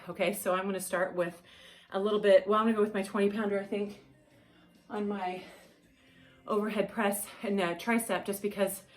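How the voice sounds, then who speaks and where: A woman fitness instructor leading a dumbbell workout, giving upbeat cues and countdowns. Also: medium pitch. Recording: echoey room, mic at a distance, faint music. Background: faint background music.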